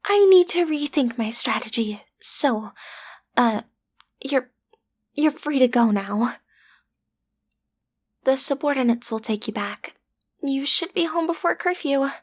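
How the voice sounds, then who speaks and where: In an audio roleplay, a woman plays a cute teenage daughter of a villain who flusters easily, stammering earnestly as she tries to seem intimidating. Her voice sits high and sounds animated, and she speaks slowly with frequent pauses. The mood is awkward and earnest.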